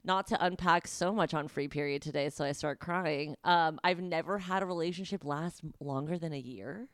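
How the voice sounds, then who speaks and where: A woman's voice: deep voice, moderate pace, clean tone, dry recording, studio quality. A woman in her thirties co-hosting a podcast, rambling and self-deprecating in casual chat, peppered with "like". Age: 30s. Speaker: podcast co-host.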